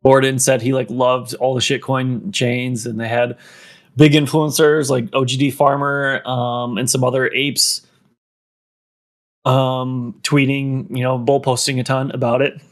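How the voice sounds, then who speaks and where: Guy rambling on a podcast, tons of likes and ums, flat monotone, kinda breathless. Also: medium pitch, unhurried. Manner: rambling, heavy use of "like" and "um". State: running out of breath. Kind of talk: casual podcast talk.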